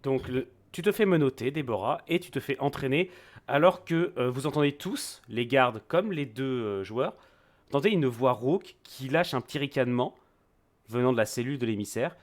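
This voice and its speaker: A man's voice: medium pitch, animated, normal speed. A man running a tabletop role-playing game as game master, improvising the narration and feeling for his words. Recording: music behind the voice.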